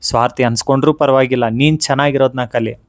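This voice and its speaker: A man gives an earnest devotional pep talk. He speaks straight to the listener in a middle-pitched voice and keeps repeating his key lines to drive them home. The sound is dry and close. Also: steady tone, quick pace, dry recording. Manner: earnest, repeats phrases for emphasis; speaks directly to the listener as "you". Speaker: motivational speaker.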